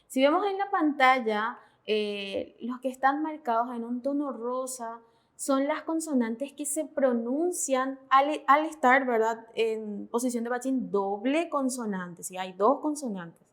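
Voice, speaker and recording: A woman's voice: sits high, unhurried, fairly bright tone. A woman teaching Korean pronunciation in Spanish, methodical and often checking in with her students. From Paraguay. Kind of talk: classroom explanation.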